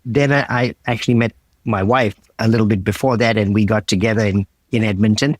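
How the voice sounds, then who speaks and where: Low-voiced middle-aged man, dry sound. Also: fairly quick, no echo. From Malaysia. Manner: relaxed, hesitant restarts. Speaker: radiologist and comedian guest. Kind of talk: casual interview chat.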